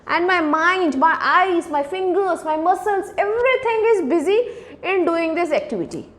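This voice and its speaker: A woman's voice: very high-pitched, animated, moderate pace, a little hiss or hum. A woman playing a proud young child.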